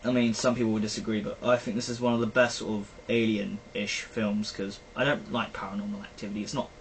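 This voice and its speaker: A man's voice: fairly low pitch, flat delivery, fast. Rambling young British guy. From Britain. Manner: rambling, chatty, trailing off with fillers. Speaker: vlogger. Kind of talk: casual film review chat. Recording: faint background noise, poor-quality recording.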